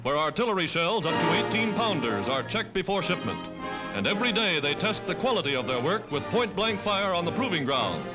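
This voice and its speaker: A man's voice: high-pitched, very animated, brisk, rough recording. A man narrating a 1940s wartime newsreel with an emphatic declaiming delivery. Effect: old newsreel narration over loud music. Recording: old newsreel soundtrack with loud music. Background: loud music.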